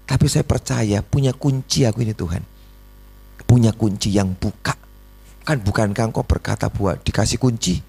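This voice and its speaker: A middle-aged man with a Javanese accent preaching a sermon, telling a story animatedly and often jumping into a high voice when he acts out dialogue. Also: normal speed, creaky, warm tone, husky. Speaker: pastor.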